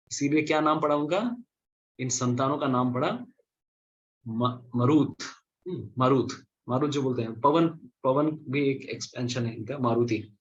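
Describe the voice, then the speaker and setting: Animated male scripture storyteller. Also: medium pitch. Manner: animated, asks and answers his own questions. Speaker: speaker at a scripture class. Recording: slightly dull lo-fi recording.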